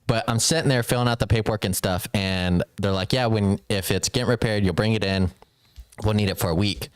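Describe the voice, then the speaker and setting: A man's voice: fairly low pitch, fairly even intonation, brisk, clear, resonant tone, no room sound, clean studio sound. A married man telling a story in casual chat, laid-back and laughing as he goes. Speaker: podcast co-host. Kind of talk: casual chat among friends.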